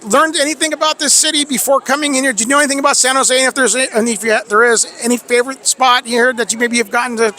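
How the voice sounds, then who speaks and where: A man working as a sports reporter, asking halting, chatty questions outdoors at a media day. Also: very high voice, fairly even intonation, pushed and bright. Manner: halting, chatty, laughs often. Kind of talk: press interview questions.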